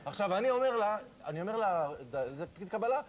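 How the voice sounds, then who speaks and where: A man with a high voice tells a comic story on a talk show, self-mocking and animated as he acts out each scene. A faint hiss of noise sits under the recording. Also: poor audio. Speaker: comedian guest.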